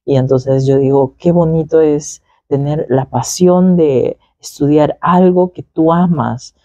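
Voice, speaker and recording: A man's voice: fairly high pitch, steady tone, slow pace, mellow, dry recording. Earnest young man telling his calling. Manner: earnest, reflective, many fillers and tag questions. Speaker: interview guest, pastor. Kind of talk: conversational testimony.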